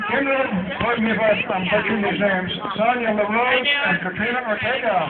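A high-voiced man announces a live outdoor event with a joking touch. His voice comes from far away, thin and tinny like a cheap loudspeaker. Loud crowd noise surrounds him at the marina. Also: a little fast, reverberant. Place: outdoor marina, heard from across the water. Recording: tinny, distant, noisy outdoor crowd recording. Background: crowd chatter and outdoor noise.

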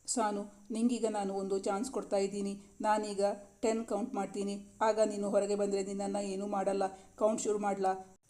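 ಮಹಿಳೆ ಆಡಿಸುವ ಕಾಡಿಸುವ ಯುವ ಗಂಡ. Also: female voice, mid-range voice, level tone, moderate pace, close to an everyday voice. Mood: teasing. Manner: teasing, soft-spoken. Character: teasing playful young husband.

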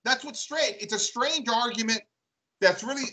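Bright-voiced man discussing church history. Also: very high-pitched, moderate pace, poor audio. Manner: thoughtful, builds questions with repeated "right?". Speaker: co-host. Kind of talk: casual religious discussion.

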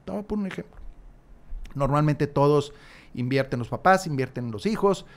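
A man's voice: fairly high pitch, animated, brisk. A man, a podcast guest who talks at length, acts out little dialogues and repeats key phrases for emphasis, recorded on a studio mic in a small room. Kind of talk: casual conversational interview. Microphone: large studio mic on a stand, headphones.

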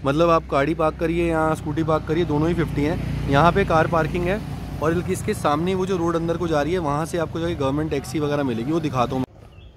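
A young adult travel vlogger with a slightly high voice and fairly even intonation talks fast, casually and repetitively explaining things to camera. He films on a phone at arm's length outdoors by roads and parking, later in a parked jeep, with noise in the background.

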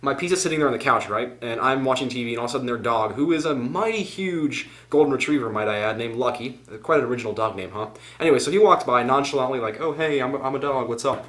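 A man's voice: medium pitch, expressive, quick pace, few pauses, fairly bright tone. Rambling teenage boy vlogging to camera. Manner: rambling, goes off on tangents, self-mocking. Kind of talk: casual vlog.

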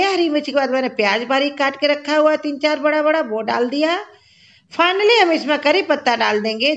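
A woman with a high, bright-toned voice narrates a home cooking video, explaining each step in a friendly, chatty way. The recording is somewhat dull and lo-fi, as if made on a simple home setup. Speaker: cooking channel host. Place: home kitchen.

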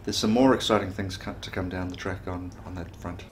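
40s exec guy in an office interview, low flat voice, bit of background noise. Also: fairly quick. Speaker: chief executive. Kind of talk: interview answers. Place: office, indoors.

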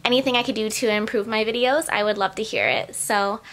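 A woman's voice: medium pitch, steady tone, brisk, fairly bright tone. A woman talking casually in a try-on haul vlog, chatty and gushing, with plenty of "like" and "oh my gosh.". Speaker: vlogger.

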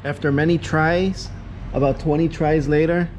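A man reviewing a tool walks viewers through a casual, hands-on demo as he works on a car in a garage with the door open to the outside, filmed on a head-mounted camera. His voice is fairly high with fairly even intonation at normal speed, against a noisy background.

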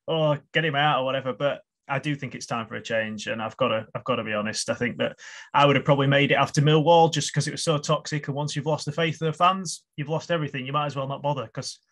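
A man's voice: medium pitch, fairly even intonation, quick pace, a bit bright. A man hosting a casual football chat over a video call, earnest and rambling, often restarting his sentences. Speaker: podcast host.

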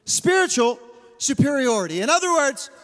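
Male pastor, 30s, high-pitched, animated slangy delivery, handheld mic, long hall reverb. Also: normal speed. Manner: animated, slangy, call-and-response with the crowd. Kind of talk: energetic sermon. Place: large church stage, indoors.

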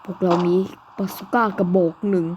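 A woman's voice: on the low side, a little fast, highs cut off, a little hiss or hum, close to an everyday voice. A woman doing a bossy army commander. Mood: commanding. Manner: commanding, archaic pronouns. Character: bossy male army commander giving orders.

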